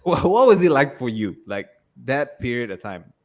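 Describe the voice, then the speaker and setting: A man hosting a live podcast conversation, thoughtful and hesitant, with frequent fillers and soft laughs. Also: mid-range voice, sing-song, measured pace. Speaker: podcast host. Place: room with guests.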